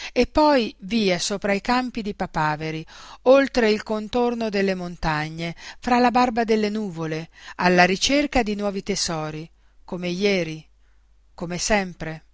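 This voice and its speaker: Slow, gentle woman reading a storybook. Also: medium pitch, no echo, clean studio sound. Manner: gentle, unhurried, expressive.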